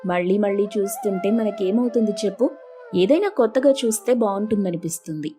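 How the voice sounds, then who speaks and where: A woman's voice: mid-range voice, a little fast, music in the background, natural voice. A woman voicing an arrogant, bossy rich elder sister who brags and sneers at the poor. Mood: scornful. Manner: haughty, boastful and scornful.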